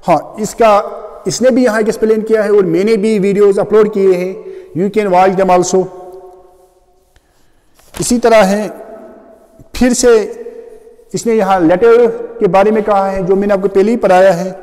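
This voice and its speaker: A man's voice: high-pitched, fairly even intonation, a little slow, pauses often, warm tone, in a large hall. A male teacher giving a classroom grammar lecture, explaining step by step and often checking what the students already know.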